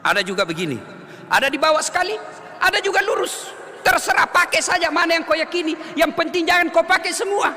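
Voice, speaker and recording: A man from Sulawesi preaching a humorous sermon, joking, shouting and chanting at times. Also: extremely high pitch, expressive, fast talker, a little hiss or hum. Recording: echoey hall, faint ambience.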